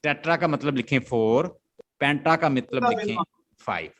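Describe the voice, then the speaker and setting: A man's voice: fairly high pitch, lively intonation, normal speed, a bit bright. A male literature teacher lecturing a class, explaining step by step, chanting stress beats aloud and often checking that the students follow.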